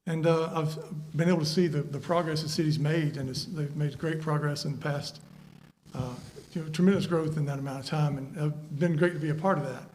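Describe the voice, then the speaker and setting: Higher-voiced man, hesitant, through a face mask. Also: steady tone, fairly quick, darkish tone, low-quality recording. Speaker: city council candidate. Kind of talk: informal self-introduction at a debate.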